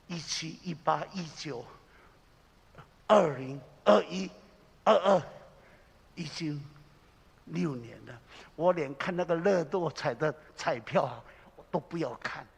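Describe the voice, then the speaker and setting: A man preaching a sermon as a pastor, impassioned, swinging between loud exclamations and low confiding asides. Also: lively intonation, unhurried, gravelly, pauses often, slightly rough. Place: church sanctuary. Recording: reverberant church hall.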